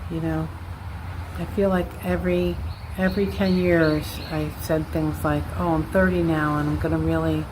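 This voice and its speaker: A woman's voice: low voice, level tone, moderate pace, noisy background. A woman, talking in a candid, rambling, self-deprecating way in a casual personal vlog. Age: 60s. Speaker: vlogger.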